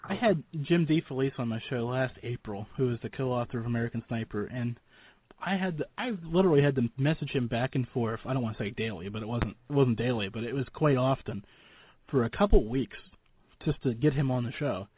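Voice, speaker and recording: This interviewer hosts a relaxed conversation, chatty and prone to repeating himself or cutting himself off. His medium-pitched voice is brisk and a bit rough, with no echo. The sound is dry and thin, phone-like.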